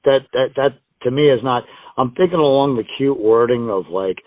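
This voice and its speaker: Brisk and medium-pitched, a wrestler guest from the United States tells casual interview stories, rambling, self-deprecating and often laughing. He's heard through a tinny, dry phone line.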